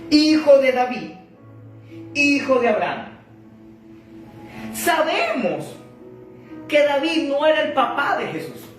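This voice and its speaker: A man's voice: very high voice, very animated, moderate pace. A male preacher giving a sermon, speaking emphatically and addressing the congregation directly, often repeating words and restarting phrases. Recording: very echoey hall from far off with faint music.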